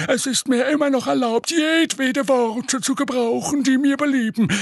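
A haughty old ghost of a nobleman in an audiobook, lifted into a very high, thin register. He drawls every word out slowly and with great ceremony, with a breathy, airy edge. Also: dry recording, clean studio sound, heavily acted. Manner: pompous, stately, affronted. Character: pompous indignant old male ghost nobleman. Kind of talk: audiobook character voice.

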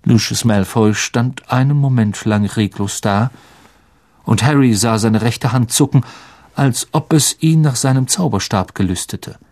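An audiobook reader narrating a story in an unhurried, expressive way. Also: medium pitch.

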